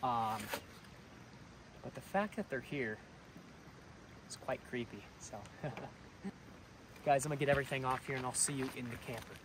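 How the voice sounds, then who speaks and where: Excitable young man vlogging outdoors. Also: medium pitch, moderate pace, long pauses, noisy background. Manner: excitable, chatty, addresses viewers as guys. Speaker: fishing vlogger. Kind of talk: casual outdoor vlog. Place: riverbank outdoors, then inside a truck camper.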